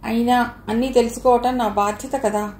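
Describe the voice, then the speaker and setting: A woman's voice: fairly high pitch, steady tone, moderate pace, a little mellow, natural voice. A woman reading a remorseful young wife. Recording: roomy recording, faint hiss.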